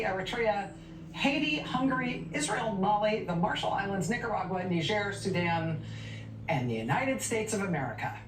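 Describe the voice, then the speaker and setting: Woman news host, sardonic and emphatic, lively swooping pitch, heard from a little off-mic in a roomy space. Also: recorded from a distance, noisy background. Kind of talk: cable news monologue.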